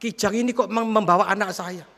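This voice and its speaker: Brief: anxious caring mother, musing aloud, bright tone, played by a male preacher. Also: sits high, steady tone, a little fast, big-room sound, pitched above the performer's own voice. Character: worried, caring village mother.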